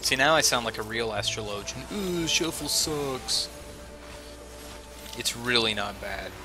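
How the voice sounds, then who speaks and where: This streamer's mid-range voice is lively in intonation and unhurried as he casually chats with viewers while gaming. Nursing a head cold and chesty cough, he rambles and jokes at his own expense, with game music in the background.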